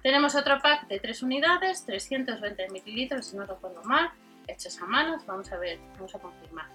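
Bright, high-voiced Spanish woman presenting products. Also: expressive, brisk, soft background music. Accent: Spain. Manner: reads out specs and prices item by item. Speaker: host of a shopping video channel. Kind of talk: product rundown voice-over, informal commentary.

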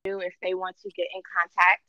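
A woman's voice: monotone, quick pace. A woman hosting a podcast in casual chat, laughing often, heard through a poor headphone mic recording. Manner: laughs often, playful and chatty. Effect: low-quality recording through a headphone mic. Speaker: podcast host. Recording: dull lo-fi dry sound.

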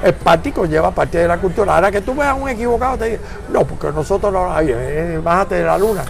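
Older man, high and gravelly, emphatic interviewee on an outdoor street with faint music behind. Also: expressive, quick pace. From Florida, United States. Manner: emphatic, searching for words, mixing in English. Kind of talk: conversational interview.

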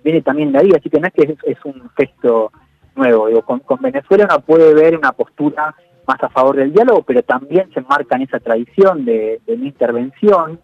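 Man, radio analyst; measured and thinking aloud, dull dry line. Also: a little high, animated, creaky, no echo. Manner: measured, analytical, peppers speech with "digo". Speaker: political analyst. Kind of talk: radio interview commentary.

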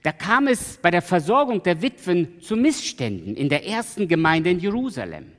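Emphatic preacher in a reverberant hall. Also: male voice, high voice, big pitch swings. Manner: swings from loud emphatic peaks to soft, quiet pleading; repeats a refrain slowly and deliberately. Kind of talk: sermon.

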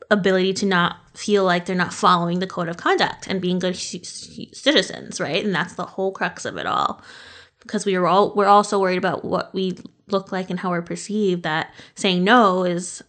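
A woman's voice: mid-range voice, normal speed, fairly bright tone. A woman hosts a casual podcast conversation. She talks freely and chattily, laughs often, and drops the odd swear word. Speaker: podcast host.

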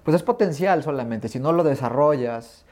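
Mexican guy in his middle years, animated storyteller, does all the voices in his anecdotes. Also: a little high, normal speed. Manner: animated, acts out remembered dialogue. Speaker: guest. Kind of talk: storytelling in an interview.

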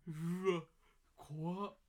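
A young man co-hosting a casual radio talk show. He is relaxed and laughs easily, and Kansai phrasing keeps slipping into his speech. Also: fairly high pitch, drawn-out words. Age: young adult. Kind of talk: casual chat.

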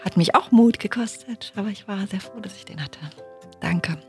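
A woman's voice: medium pitch, moderate pace, a little mellow, soft background music. A woman guest on a podcast, chatting casually and agreeing readily.

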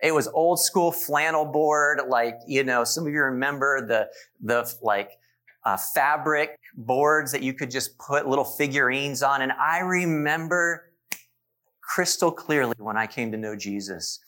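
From the pulpit, a man in his forties preaches unhurriedly, his voice of medium pitch. He's a pastor whose sermon unfolds as warm stories with asides directed at the people in the pews.

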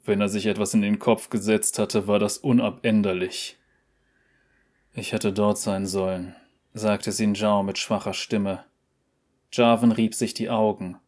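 A man narrating a story in a calm, even audiobook reading. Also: on the low side, moderate pace.

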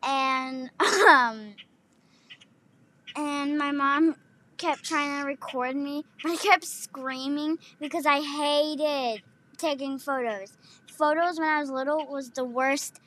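A young woman co-hosting a podcast, chatting casually with quick interjections. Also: high-pitched, steady tone, sharp tone. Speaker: podcast co-host. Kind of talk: casual chat.

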